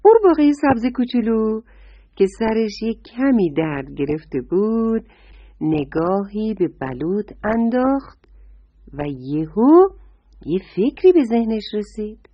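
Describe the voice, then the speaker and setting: A woman tells a children's bedtime story, tender and warmly addressing young listeners. Her voice is breathy and very lively in pitch. The recording is dry, dull and lo-fi. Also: no room sound.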